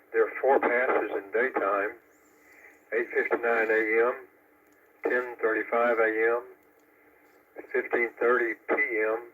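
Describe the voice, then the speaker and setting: A man running an amateur radio net over a two-way radio, relaying announcements and a history talk in a halting way, with many pauses and fillers. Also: mid-range voice, slightly rough. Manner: halting delivery with frequent "uh" fillers. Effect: heard over a two-way radio with static. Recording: tinny, distant radio transmission with static.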